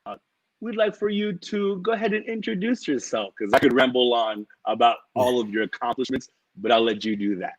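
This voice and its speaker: A man's voice: mid-range voice, animated, a little fast, no room sound. A man moderating a panel interview, a youth minister asking friendly questions. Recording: dull, distant, dry call audio.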